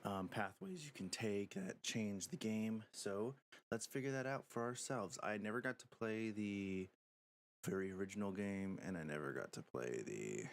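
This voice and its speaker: A man's voice: low voice, creaky, a little hiss or hum. A man casually commentating a live game stream, rambling and thinking aloud as he talks to his viewers.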